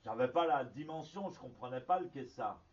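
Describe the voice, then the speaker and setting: A man teaching as a zen teacher, telling a story in a halting way with many restarts. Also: mid-range voice, animated, darkish tone. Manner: halting, with frequent restarts and fillers. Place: meditation hall. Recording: distant, dull lo-fi archive recording.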